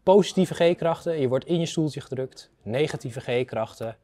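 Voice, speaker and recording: In a university building's indoor garden atrium, an expert guest, a data analyst in his thirties, explains something technical in a conversational, step-by-step teaching style. He has a mid-range voice with a dark tone and speaks at a moderate pace.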